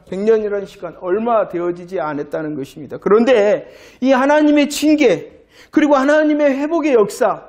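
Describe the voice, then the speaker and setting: Male pastor, higher-pitched voice, sermon delivery built on question-and-answer and repeated phrases. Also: darkish tone. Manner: asks rhetorical questions and answers them himself; repeats key phrases for emphasis.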